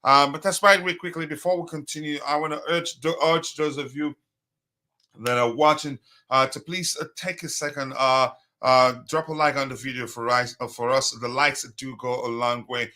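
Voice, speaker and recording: Man with a bright, slightly strained voice. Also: mid-range voice, fairly even intonation. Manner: halting, repetitive delivery. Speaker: host of a live football fan stream. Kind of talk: casual livestream hosting.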